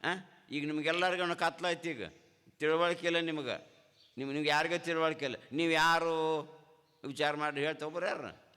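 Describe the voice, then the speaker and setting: A man's voice: fairly high pitch, steady tone, normal speed, bright, forceful tone, smooth. A man, a swami giving a devotional sermon with a North Karnataka Kannada accent, asking rhetorical questions and repeating key phrases. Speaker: swami giving a spiritual discourse. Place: ashram hall. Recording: reverberant hall.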